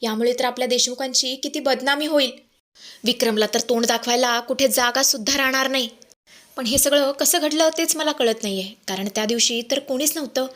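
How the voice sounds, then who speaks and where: A woman's voice: high-pitched, brisk, a bit bright. A woman voicing a distressed, protective middle-aged mother-in-law facing reporters. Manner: pleading, then firm.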